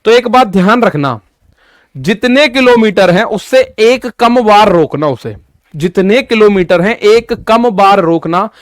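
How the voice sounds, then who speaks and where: A man's voice: high-pitched, lively intonation, a little slow, no room sound, clean studio sound. A male maths teacher giving an exam-prep lesson, explaining step by step, repeating key points and talking directly to his students.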